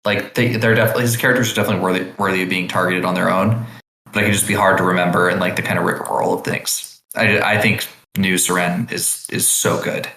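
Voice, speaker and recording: A man's voice: deep voice, steady tone, fast talker, sharp tone, echoey room. A man hosting a podcast, chatting casually and rambling with many restarts. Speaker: podcast host. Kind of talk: casual chat.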